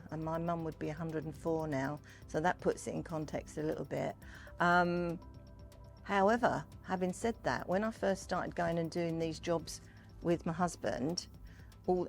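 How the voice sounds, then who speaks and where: An older woman talks in a low voice with a gravelly edge. She tells things in a chatty, wandering way, as in an informal interview, with music behind her. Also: a little mellow. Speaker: Pearly Queen and community fundraiser, interviewee. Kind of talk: informal interview talk about history and culture.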